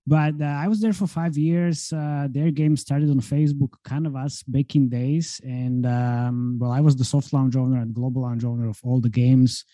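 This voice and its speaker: A man from Slovakia chats easily as an interview guest, filling pauses and laughing often. His voice is very dark and mellow. The sound is dry and close, as on a video call from a room at home. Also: medium pitch, no echo. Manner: relaxed, chatty, laughs often, many fillers. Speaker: guest, marketing consultant. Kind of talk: casual interview talk.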